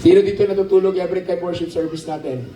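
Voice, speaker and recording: High-voiced man preaching at a camp. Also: fast, a little hiss or hum. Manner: animated, asks the crowd questions, calls for amens. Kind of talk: lively sermon in Taglish. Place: outdoor camp. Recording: roomy, distant outdoor sermon recording with faint ambience.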